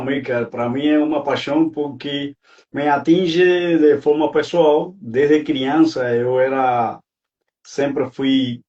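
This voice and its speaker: A man's voice: medium pitch, warm tone, recorded from a distance, lo-fi sound. A man from Cuba with a Cuban Spanish accent, speaking Portuguese as a guest expert on a live stream, earnest and hesitant with many fillers.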